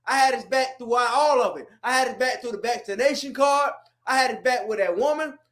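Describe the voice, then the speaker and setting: Man, very high voice, heated sports podcast rant, shouts then mutters. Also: a little fast. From Florida. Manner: animated, rants and shouts, drops to low mutters. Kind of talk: heated casual sports talk.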